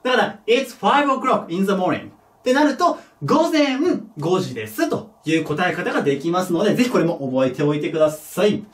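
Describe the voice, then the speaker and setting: A man teaching a junior high English lesson at a board, patient and step-by-step, checking in with his students and joking about his own mistakes. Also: very animated, moderate pace, far from the mic. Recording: echoey room, voice from off the mic.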